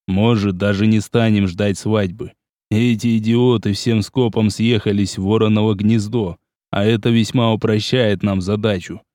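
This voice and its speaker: A man's voice: on the low side, steady tone, moderate pace, dark tone, dry recording, clean studio sound, close to an everyday voice. A man voicing a cold, scheming older nobleman who speaks curtly and dismissively. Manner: curt, dismissive, menacing.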